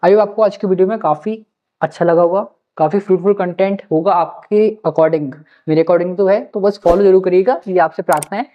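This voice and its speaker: A man's voice: sits high, fairly quick. A male teacher giving study-planning advice to students, coaxing them and repeating his key points. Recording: slightly muffled lo-fi recording.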